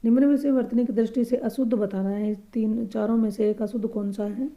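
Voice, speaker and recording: A woman teaching a grammar lesson for exam preparation, patiently explaining answers and repeating each correct word slowly and softly. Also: on the high side, steady tone, dull audio.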